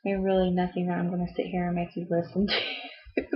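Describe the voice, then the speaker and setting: Young woman, casual book vlogger, husky flat delivery, muffled home-video sound. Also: fairly low pitch, brisk. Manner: chatty, rambling, frequent "um" and "like", laughs at herself. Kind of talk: casual book review chat.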